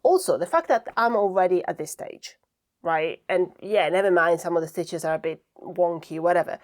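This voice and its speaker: A woman's voice: on the low side, normal speed, a little mellow. A woman chatting casually and reflectively to camera while she does crafts, thinking aloud as she goes. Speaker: craft vlogger.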